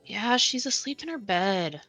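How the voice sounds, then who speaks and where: A woman's voice: medium pitch, lively intonation, a little slow, sharp tone, dry recording, soft background music, heavily acted. A woman voicing a sleepy, curt man who has been woken at night and brushes off a visitor with short answers. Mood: groggy.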